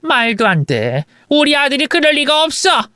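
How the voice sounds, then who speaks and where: A woman voicing a bossy older mother-in-law who scolds and shouts. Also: high-pitched, big pitch swings, moderate pace, no echo, clean studio sound, voice pushed up, full character voice. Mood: indignant.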